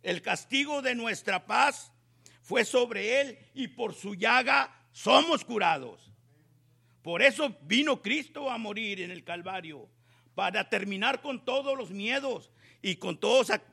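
A man preaching a sermon in slow, emphatic phrases that rise into exclamations. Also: sits high, animated, gravelly, pushed and bright, husky.

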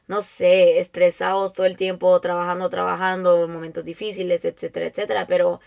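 A woman's voice: mid-range voice, vocal fry. A woman hosting her own podcast, talking earnestly and encouragingly to listeners, with frequent fillers. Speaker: podcast host. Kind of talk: casual solo podcast talk.

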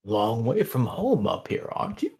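A man voicing an ancient tree spirit in a deep, breathy, slow voice. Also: wildly swooping pitch, darkish tone. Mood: solemn.

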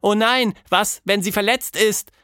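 Man playing a curious young girl, eager, wondering, raised pitch, storybook character, dry sound. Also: measured pace, a bit bright, dry recording. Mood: worried.

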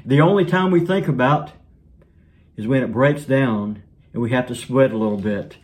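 A man preaching a sermon in an earnest way, his voice sinking soft and low at the ends of lines. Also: moderate pace.

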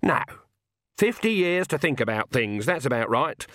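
A man voicing a stern, sharp-tongued elderly witch who talks in blunt rural speech. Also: medium pitch, big pitch swings, moderate pace, dry recording, studio quality, voice pushed up.

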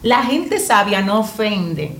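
A woman's voice: mid-range voice, very animated. Woman speaking with emphasis in an echoey room. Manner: measured and emphatic, gives many short affirmations. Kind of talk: preaching-style casual chat. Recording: echoey room with faint noise.

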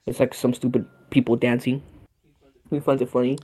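A man's voice: medium pitch, level tone, moderate pace, mellow. A young man co-hosting a casual chat, blunt and profane as he retells family stories. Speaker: podcast co-host.

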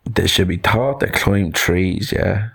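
A man's voice: low voice, slow, creaky, fairly bright tone, slightly rough, full character voice. A man voicing a brash, eager male monkey, in a told fable.

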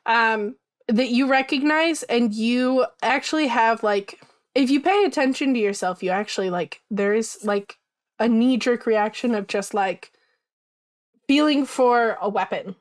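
A woman's voice: a little high, measured pace. A woman running a tabletop game as game master, narrating with frequent hesitations and fillers. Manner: hesitant, many ums.

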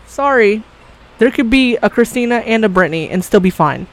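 A woman's voice: a little high, animated, a little fast, rough recording. A woman co-hosts a casual chat on a podcast. She talks bluntly and swears freely. She often breaks into laughter. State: coughing briefly. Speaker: podcast co-host.

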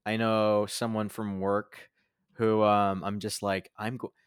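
Young guy rambling about a movie, lots of ums, deep-ish voice, dry mic. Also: level tone, slow pace, clear, resonant tone, dry recording. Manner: rambling, many fillers and restarts. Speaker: podcast co-host. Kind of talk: casual movie review chat.

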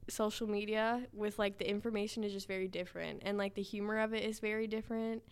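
A young woman with a mid-range voice co-hosts a podcast. She talks in an animated, chatty way and fills her speech with "like." Her delivery is loose and conversational. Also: medium pitch, fast talker, clear, resonant tone. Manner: chatty, filler-heavy, animated. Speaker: podcast co-host. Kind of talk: casual chat.

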